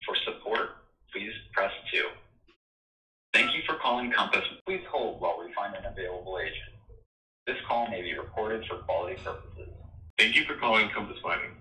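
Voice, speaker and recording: A man's voice in a recorded phone menu message, giving polite scripted options in an even, automated delivery. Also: lowish voice, normal speed. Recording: phone message played back from a distance in a roomy space.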